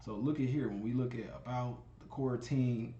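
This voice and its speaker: A man's voice: medium pitch, fairly even intonation, moderate pace, mellow, highs cut off. A man hosting a casual crypto video, chatting to viewers as he scrolls through web pages. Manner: conversational, addresses viewers as y'all, repeats "you know what I'm saying". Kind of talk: casual screen-share commentary. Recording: echoey room, faint ambient noise.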